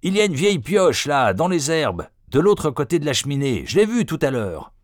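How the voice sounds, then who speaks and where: A man's voice: medium pitch, normal speed, dry recording, studio quality, voice pushed up, natural voice. A man doing an eager greedy crook. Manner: eager, excited. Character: grown male crook, eager and greedy sidekick.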